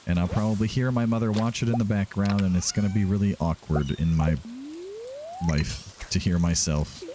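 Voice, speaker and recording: A man doing casual let's-play commentary speaks in a low, steady tone at a moderate pace over a noisy background. As the gaming host, he talks to himself and to characters in the game.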